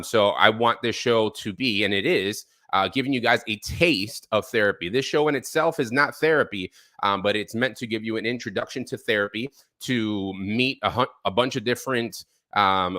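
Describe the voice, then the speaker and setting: On the low side, this man's voice comes through with no room sound as he hosts a live-streamed podcast interview about therapy. His talk is relaxed and loose, heavy with fillers like um and uh.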